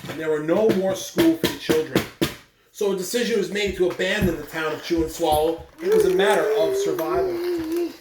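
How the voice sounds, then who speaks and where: During the morning announcements, a school staff member reads a children's story aloud with plenty of expression. His voice sits high and sounds roomy and distant, picked up by a far-off mic with echo and faint background noise.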